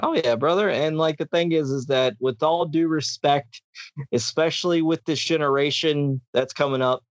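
A man's voice: fairly high pitch, normal speed, no echo. A man hosting a podcast, ranting in a heated, impassioned way and often restarting his sentences. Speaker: podcast host. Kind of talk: casual podcast chat.

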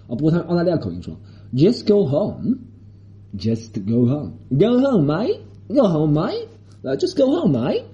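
Man putting on an Australian cop, dismissive, high-pitched, repeating himself flatly, dull lo-fi sound. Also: unhurried. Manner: flat, brushing-off repetition. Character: cold, dismissive male Australian police officer. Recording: dull lo-fi recording.

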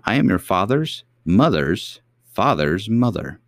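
A man voicing a kindly, very old queen who is the girl's great-great-grandmother, speaking gently and patiently. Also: fairly low pitch, big pitch swings, measured pace, vocal fry, no room sound, clean studio sound, pitched above the performer's own voice, full character voice. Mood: gentle.

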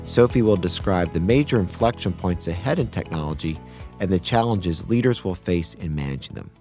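A man hosting a business podcast, reading a measured, formal introduction and then interviewing his guest. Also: low voice, expressive, darkish tone, soft background music. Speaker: podcast host.

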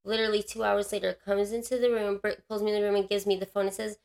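Woman, casual podcast storyteller, animated and profane, a bit of fry. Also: mid-range voice, fast. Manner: animated, swearing, acts out others in her retelling.

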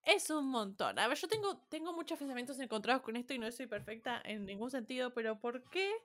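A woman's voice: on the high side, animated, a little fast, a bit bright. A woman with a Rioplatense Spanish accent, chatting casually as a podcast co-host and dropping in English words. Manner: chatty, laughs often, mixes in English words. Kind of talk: casual chat.

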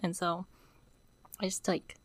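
Her voice low and flat, a young female podcast co-host speaks slowly in a casual, emotional chat, close to tears and saying "like" constantly. The recording is dry.

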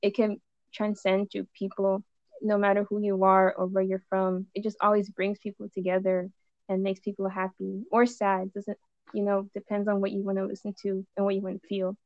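A woman's voice: medium pitch, monotone, moderate pace, dry recording. Young woman, dull lo-fi dry sound. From Los Angeles, USA. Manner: rambling, many "like"s and trailing restarts. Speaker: musician guest. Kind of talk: casual podcast chat.

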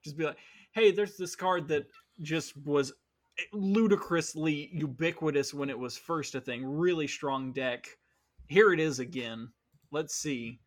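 Male co-host, a touch higher pitched, unsure and rambling, fillers throughout. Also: a little slow. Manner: hesitant, thinking aloud with fillers. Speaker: podcast co-host. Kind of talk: casual podcast chat.

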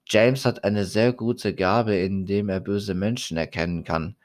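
A man voicing a calm, loyal young male friend in a horror story, speaking in a level, reassuring way. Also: fairly low pitch, measured pace, close to an everyday voice.

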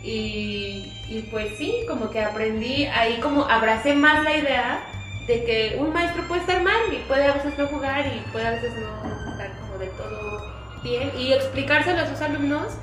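Young woman, Mexican accent, preschool teacher, emotional storytelling, high voice, very echoey room, faint music. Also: normal speed. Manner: emotional, animated storyteller who acts out quotes. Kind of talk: casual interview storytelling.

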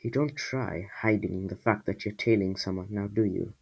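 A man voicing a brooding male squirrel warrior in a storybook reading, quiet and low. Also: moderate pace, gravelly, breathy edge. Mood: wary.

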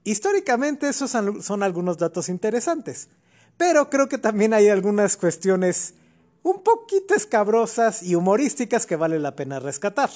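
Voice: mid-range voice, moderate pace. Mexican-accented podcast host telling history bits, laid back and slangy. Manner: explains facts with relaxed colloquial asides. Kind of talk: casual history chat.

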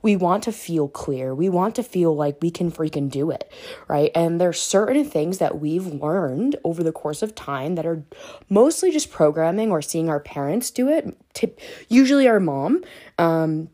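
A woman's voice: on the low side, lively intonation, moderate pace, warm tone. A woman hosting a motivational podcast, talking in a peppy, emphatic, casual and slangy way. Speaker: podcast host and confidence coach.

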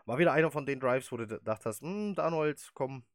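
A German host in his thirties speaks fast and animatedly in a mid-range voice on a casual football podcast. He's chatty and opinionated with an easy laugh. The recording is dry and studio-clean.

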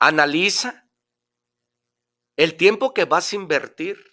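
Emphatic motivational radio speaker. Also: male voice, a little high, takes it slowly, sharp tone. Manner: emphatic, preachy, repeats phrases for effect.

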